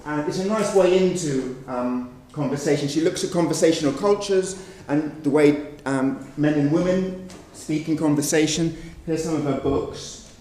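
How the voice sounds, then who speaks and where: Here a man gives a conference research presentation in a warm, somewhat high voice, at normal speed and with hardly any pauses. His style is explanatory and patient, with "sort of" hedges cropping up often. The conference room sounds echoey, picked up by a far-off mic with faint noise.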